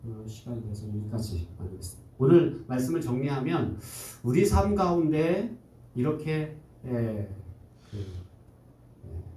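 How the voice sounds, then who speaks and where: A man, a pastor, preaching a sermon, who swings between loud, excited lines and soft, low-voiced passages. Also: a little hiss or hum. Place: church sanctuary. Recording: echoey room, voice from far off the mic.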